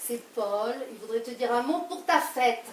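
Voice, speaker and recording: A woman's voice: fairly high pitch, expressive, background noise, close to an everyday voice. A woman acting a flustered, defensive wife caught in a lie, in a live stage play, recorded from a distance in an echoey theatre. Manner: flustered, quick protests and repeated denials. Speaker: stage actor. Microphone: distant room mic.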